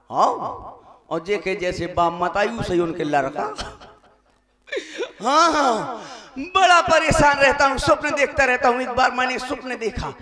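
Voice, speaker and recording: A man with a Bundeli accent, telling a self-mocking comic story in a rustic folk style. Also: very high-pitched. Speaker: folk comedian. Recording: music backing behind the voice.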